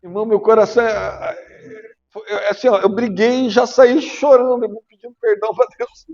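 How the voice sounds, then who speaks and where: High-voiced preaching man in an echoey church. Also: fairly even intonation, normal speed, vocal fry. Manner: emotional, rising to shouted preaching. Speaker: pastor. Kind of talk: sermon. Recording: muffled echoey church hall.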